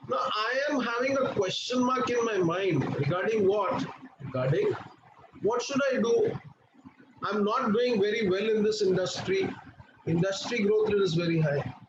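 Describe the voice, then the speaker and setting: A man with an Indian accent giving an online class lecture, repeating points in a didactic way and prompting students with questions. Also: sits high. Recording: echoey room, muffled and noisy.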